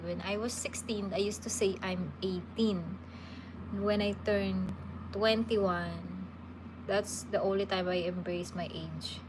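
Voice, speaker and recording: Relaxed and chatty, a lowish-voiced woman in her thirties from the Philippines hosts a livestream and answers what viewers ask, frequently restarting her sentences. The background is noisy.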